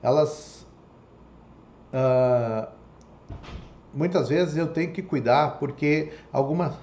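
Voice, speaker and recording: A man gives an online Portuguese lecture slowly, his fairly high, darkish voice captured with lo-fi sound. He walks through the material step by step, repeating "tá?" and "ok?" to confirm understanding, amid echo and faint background noise.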